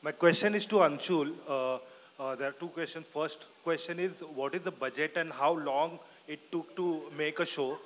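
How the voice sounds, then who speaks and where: A man's voice: on the high side, moderate pace, fairly bright tone. A man with an Indian accent, a reporter putting questions at a press conference.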